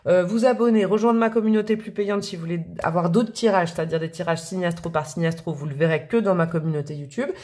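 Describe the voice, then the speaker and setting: A woman talks through a tarot reading in a loose, chatty way, rambling and filling pauses as she goes. Her voice sits a little low for a woman. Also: steady tone, darkish tone. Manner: chatty, rambling, with fillers and laughs. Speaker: tarot reader.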